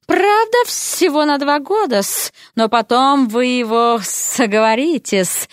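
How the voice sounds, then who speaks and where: A woman voicing a sly, domineering snake matriarch who drawls slowly and hisses on her words. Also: high voice, no echo, clean studio sound, pitched above the performer's own voice, heavily acted. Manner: slow drawl, adds hissing "-s" to words. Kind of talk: audiobook character voice.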